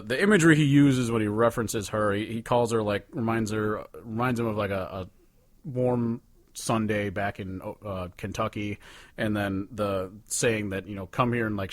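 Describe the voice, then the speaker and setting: In a dry recording, a fairly low-pitched man rambles through casual, profanity-laced talk about songs as a podcast co-host reviewing them.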